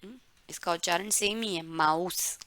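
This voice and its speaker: A woman teaching German vocabulary to learners, repeating words slowly syllable by syllable for pronunciation drills. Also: fairly low pitch, fairly bright tone, no room sound. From India. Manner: drawn-out, careful word-by-word pronunciation drills. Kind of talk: explaining vocabulary to learners, mixing Hindi and English.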